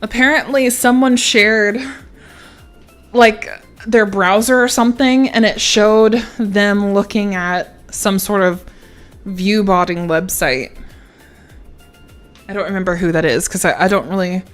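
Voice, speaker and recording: A woman's voice: mid-range voice, measured pace, pauses often, soft background music. A woman streamer chatting casually on a livestream, swearing freely and often breaking into laughter. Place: standing at a home streaming setup.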